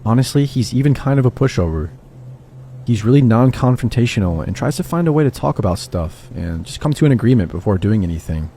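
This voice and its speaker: A man giving a steady, scripted first-person narration of a true horror story. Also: mid-range voice, fairly quick, a little hiss or hum.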